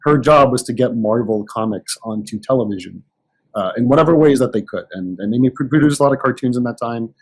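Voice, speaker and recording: A man in casual podcast chat, telling anecdotes with animated restarts. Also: medium pitch, fairly quick, rough recording. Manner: storytelling, animated, many restarts. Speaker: podcast guest.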